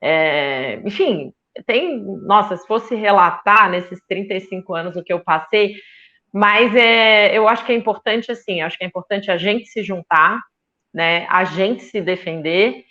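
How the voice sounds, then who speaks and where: A woman's voice: medium pitch, a little slow, pushed and bright, dull audio. A Brazilian woman in her fifties, a feminist union leader speaking as a panel guest, emphatic and indignant, repeating words for force. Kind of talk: impassioned panel discussion.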